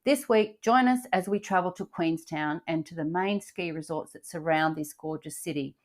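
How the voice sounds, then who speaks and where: An older Australian woman co-hosts a travel podcast in a low, easy voice. She chats along casually, filling gaps with ums and quick laughs. She sounds like a grandmother talking with friends. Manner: chatty, laughs often, many ums. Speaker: podcast host.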